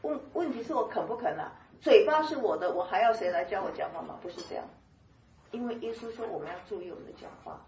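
A woman giving a conversational sermon-style Bible teaching, lively and chatty, laughing often and dotting her talk with soft filler particles. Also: medium pitch, fast talker, echoey room, distant mic, dull audio, slight background noise.

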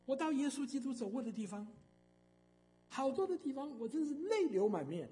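An older man tells a story from the pulpit, his voice high and swinging widely up and down. He talks emphatically, with many fillers between phrases. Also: big pitch swings, brisk, mellow. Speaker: speaker giving a testimony. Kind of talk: storytelling sermon.

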